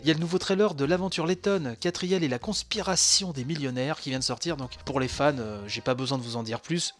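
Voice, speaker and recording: A man's voice: a little high, a bit bright. A man hosting a casual podcast, talking with many fillers and restarts. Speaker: podcast host.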